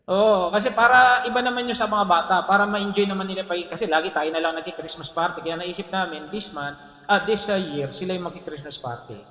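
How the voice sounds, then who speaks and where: A male pastor preaching a sermon in a church, animated and joking, asking the congregation rhetorical questions. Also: high voice, roomy sound, in a large hall.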